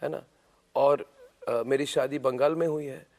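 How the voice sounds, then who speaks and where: A man's voice: mid-range voice, fairly even intonation, unhurried, darkish tone. A man from Assam interviewing a guest, asking thoughtful, probing questions and switching into English phrases. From Assam, India. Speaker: interviewer, host. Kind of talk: conversational interview.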